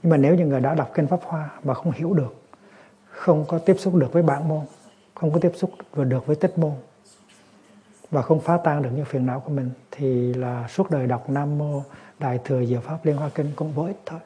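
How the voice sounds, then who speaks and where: A man as a Buddhist teacher giving a dharma talk, explaining calmly. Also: on the high side, fairly quick, husky. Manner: calm explaining, lively storytelling.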